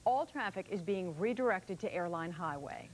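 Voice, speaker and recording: A woman's voice: lowish voice, lively intonation, moderate pace, slight background noise. A woman anchoring a news broadcast, reading scripted stories.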